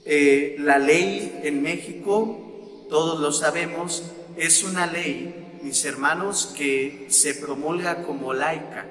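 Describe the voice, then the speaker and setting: A man with a Mexican Spanish accent, a parish priest giving a sermon-style talk to his congregation, pausing often on fillers and repeating words. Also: a little high, roomy sound, long reverb tail. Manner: slow and deliberate, with frequent fillers and repeated words.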